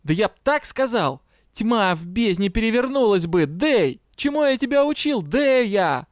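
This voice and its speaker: A man's voice: high-pitched, animated, moderate pace, dry recording, clean studio sound, pitched above the performer's own voice. Man voicing a ranting drow detective. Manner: ranting, scolding, exasperated. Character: hot-tempered young male drow detective.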